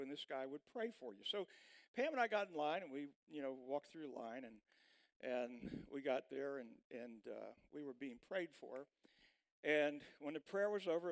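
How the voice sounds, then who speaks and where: Folksy storytelling pastor, slightly high voice. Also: male voice, low-quality recording. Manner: folksy, rambling anecdote with many fillers. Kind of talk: storytelling sermon.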